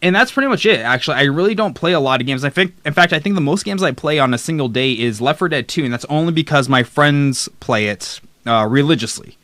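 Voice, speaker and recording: Young man, casual streamer, bright voice, dry close mic sound, offhand and rambling. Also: fairly high pitch, animated, fast, hardly any pauses, dry recording. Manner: rambling, offhand, reads chat aloud. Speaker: streamer host. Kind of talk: casual live-stream chat. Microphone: desk mic close up.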